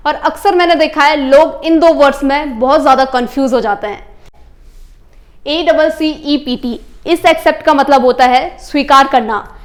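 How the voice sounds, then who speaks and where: A woman teaching English grammar, speaking slowly and carefully and spelling words out letter by letter. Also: high-pitched. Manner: slow, careful dictation of example sentences; addresses viewers as friends. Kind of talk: explaining English grammar to learners.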